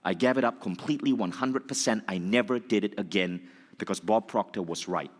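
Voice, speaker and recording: Lively storytelling man on stage. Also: fairly low pitch, fairly quick, in a large hall. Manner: animated, acts out dialogue, addresses audience. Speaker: motivational speaker. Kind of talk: motivational storytelling talk.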